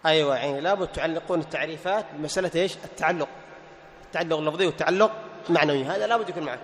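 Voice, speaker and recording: A man's voice: fairly high pitch, racing, a bit bright. A man teaching a Quran recitation class, quizzing his students and now and then chanting verses. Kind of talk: classroom lesson with questions to students. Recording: faint noise, long reverb.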